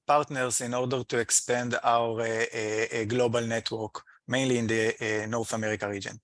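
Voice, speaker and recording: Speaking at a medium pitch, a male executive hesitantly delivers company financial results on an earnings call, his wording slightly non-native. The tone is fairly bright, and the recording is dry with clean studio sound.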